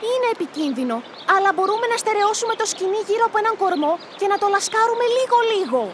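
A woman's voice: extremely high pitch, animated, background noise. Woman playing a bold clever village girl. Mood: eager. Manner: eager, persuasive, quick-witted. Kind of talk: children's radio drama.

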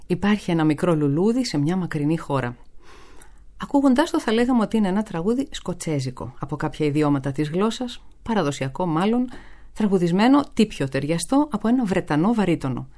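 A woman's voice: medium pitch, warm tone. A woman presenting a classical music radio program, explaining the music in an informative way with chatty asides.

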